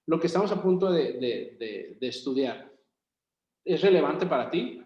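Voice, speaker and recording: A man's voice: on the high side, lively intonation, moderate pace, dull audio. A man, a pastor leading a Bible study in a church room, talking conversationally and putting questions to his group. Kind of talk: interactive Bible study teaching. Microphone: room recording for a video call. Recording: roomy echo.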